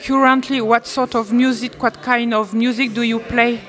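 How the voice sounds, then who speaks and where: A woman interviewing a guest for a community radio show, asking questions in halting, simple phrasing. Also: a little high, little pitch movement, fairly bright tone. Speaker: interviewer, language student.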